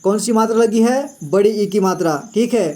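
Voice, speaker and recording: Spelling each Hindi word letter by letter, a man teaches kids to read in a slow, patient lesson, repeatedly saying "ठीक है". He speaks at a normal speed in a high, warm voice.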